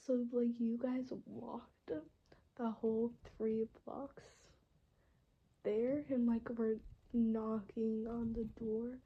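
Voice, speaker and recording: A woman's voice: fairly high pitch, flat delivery, slow, slightly rough, muffled recording. A woman improvising a listener role-play story at home into a phone, rambling with many fillers and sometimes dropping into a whisper. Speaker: voice actor.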